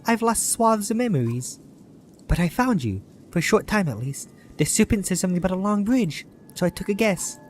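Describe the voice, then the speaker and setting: A man's voice: high voice, sing-song, a little fast, a little hiss or hum, voice pushed up. Man doing an urgent young woman healer. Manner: raised, urgent, breathless delivery. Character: young woman mender, earnest and worried.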